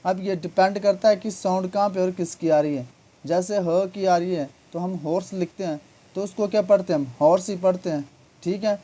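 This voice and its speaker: A man's voice: high-pitched, fairly even intonation, moderate pace, dark tone. A man teaching an English grammar lesson, explaining patiently and often checking in with his students. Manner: patient, repetitive, keeps asking "okay?".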